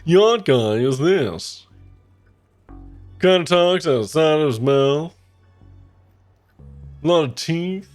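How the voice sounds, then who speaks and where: A man's voice: a little high, lively intonation, very slow, long pauses, a little mellow, soft background music, pitched above the performer's own voice. A man voicing a pompous, bragging rich yacht owner with a toothy drawl from the side of his mouth. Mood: smug, pompous. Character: rich pompous yacht-owning snob, old-money braggart.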